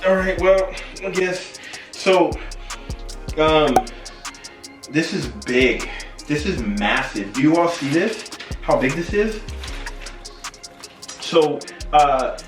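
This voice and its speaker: A man's voice: fairly high pitch, lively intonation, takes it slowly, pauses often. Tipsy, rambling man in an echoey room. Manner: tipsy, rambling, loses his train of thought. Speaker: host of a cooking video. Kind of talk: casual cooking vlog chat. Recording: roomy echo, distant mic, faint music.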